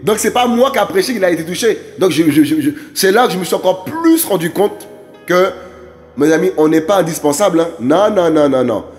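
Male evangelist, high voice, urgent repetitive preaching that keeps turning to the listeners. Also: lively intonation, a little fast, a little mellow, soft background music. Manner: emphatic, repetitive exhortations with frequent asides to listeners. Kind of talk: preaching sermon.

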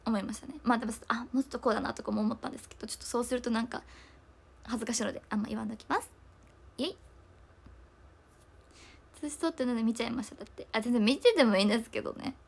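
Young woman, rapid casual livestream chat, fairly high voice. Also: gravelly, breathy edge. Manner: fast, chatty, frequent apologies. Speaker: idol livestreamer reading comments.

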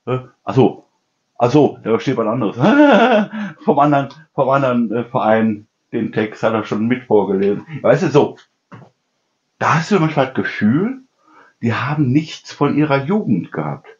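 A man's voice: medium pitch, very animated, moderate pace. A middle-aged man chatting casually as host of a home cooking channel, rambling from story to story and tagging his sentences with "ne?". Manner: chatty storyteller, constant "ne?" tags, mimics people. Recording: dull lo-fi sound.

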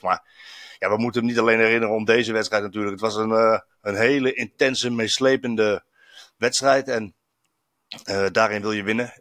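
A man's voice: on the low side, a bit bright, no room sound, clean studio sound. A man, a football journalist reporting from abroad, chatting reflectively with many fillers and restarts. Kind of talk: casual chat. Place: in Stuttgart, on location.

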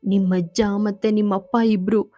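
A woman's voice: mid-range voice, little pitch movement, moderate pace, mellow, no room sound, lightly acted. A woman narrator voicing an aging mother who pleads and reproaches through sobs. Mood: tearful. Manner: sobbing, reproachful.

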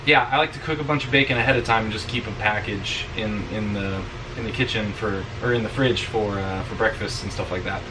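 A man's voice: fairly low pitch, a little fast. A young man in his twenties who works for a church, casually vlogging, chatty and rambling with lots of fillers. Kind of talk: casual vlog. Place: car, then home kitchen. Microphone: camera on dashboard, then camera on kitchen counter. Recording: distant camera mic with loud road noise.

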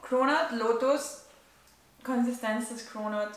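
A woman's voice: fairly high pitch, slow. A woman, chatting casually about food in short remarks. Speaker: vlogger in a food taste test. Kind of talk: casual chat. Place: living room, indoors on a sofa. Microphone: camera a few metres away. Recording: very echoey room, distant microphone.

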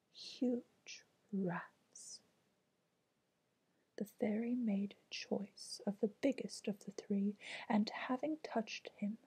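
A woman reading a fairy tale aloud in a soft, unvoiced whisper, ASMR style. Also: mid-range voice, husky, low-quality recording. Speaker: storyteller.

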